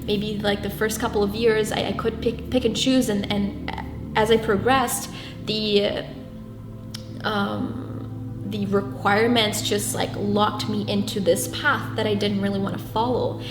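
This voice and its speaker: A young Brazilian woman, a guest whose first language is Portuguese, answers interview questions in a reflective, earnest, halting way, often restarting her sentences. Her middle-pitched, level-toned voice rings through a roomy space. Music plays clearly behind her.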